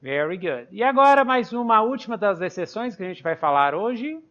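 A man's voice: high voice, very animated, normal speed, fairly bright tone. A Brazilian man co-hosting a podcast lesson, explaining English grammar step by step and spelling words out letter by letter. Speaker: English teacher, podcast co-host. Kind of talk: conversational teaching podcast. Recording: muffled online call audio.

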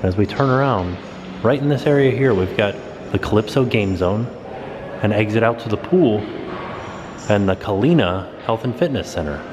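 A man's voice: lowish voice, lively intonation, moderate pace, noisy background. Casual man narrating a walking hotel tour. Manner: casual, upbeat pointing-out of sights. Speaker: vlog host. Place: hotel halls and outdoor pool areas. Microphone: handheld camera at arm's length.

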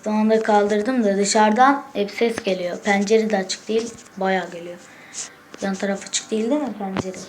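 A woman hosting a gaming channel, chatting casually to viewers from a room at home, excitable and swearing as she gets frustrated. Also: mid-range voice, normal speed, slight background noise. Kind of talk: casual gameplay commentary.

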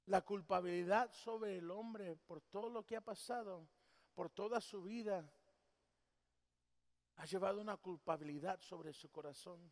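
A man preaching a sermon as pastor in a church, swinging from loud emphasis to hushed tenderness. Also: high voice, a little slow. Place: church sanctuary. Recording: long hall reverb.

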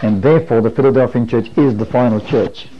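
A man in his fifties delivers a sermon as a podium speech, earnest and measured, often posing questions to make his point. His pitch sits in the middle range, and the sound is dull, like old lo-fi videotape. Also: a little hiss or hum. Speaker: preacher. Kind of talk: sermon as podium speech, teaching at a camp meeting. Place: small wood-panelled room, standing at a desk. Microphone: lapel or pocket-clipped microphone. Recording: muffled lo-fi 1980s videotape.

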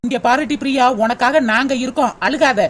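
A woman's voice: high-pitched, a little hiss or hum, lightly acted. A woman voicing a kind young village woman in a cartoon, consoling and sympathetic, with a southern Tamil accent. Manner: sympathetic, consoling, fast talker. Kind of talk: dubbed cartoon comedy.

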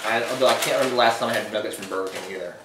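A man's voice: on the low side, racing, very noisy. A man chatting casually and eagerly on a family vlog. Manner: lively, chatty. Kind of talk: casual chat. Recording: echoey room, distant mic, dish clatter.

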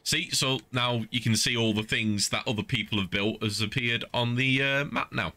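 Here the middle-aged streamer's voice lands at medium pitch, steady and moderately paced, with a pushed, bright quality. He's giving light, teasing commentary full of pretend outrage while playing live in a small indoor setup with a headset. Vehicle noises and game music run underneath.

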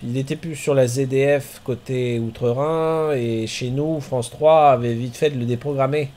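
A man streams a marbles race game, offering chatty commentary broken up by bursts of excited exclamations. His voice is mid-range and his speed normal.

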